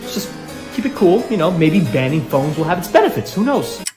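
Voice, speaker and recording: A young man playing an easygoing high school student in a comedy skit, with a casual, slangy manner. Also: very animated, brisk. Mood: uneasy. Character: laid-back male high school student, easygoing buddy. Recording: music behind the voice.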